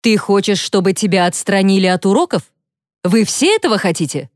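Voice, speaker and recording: A woman's voice: mid-range voice, expressive, a little fast, no room sound, studio quality, lightly acted. A woman voicing a stern adult schoolteacher who talks firmly in clipped phrases. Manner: firm, clipped.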